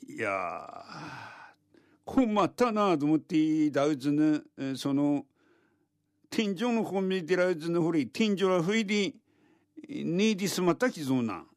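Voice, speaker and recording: A man's voice: on the high side, animated, normal speed, darkish tone, dry recording, clean studio sound. A man narrating a folktale orally in a thick rural Tohoku Japanese dialect, with homespun, repeated dialect sentence endings. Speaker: folktale storyteller.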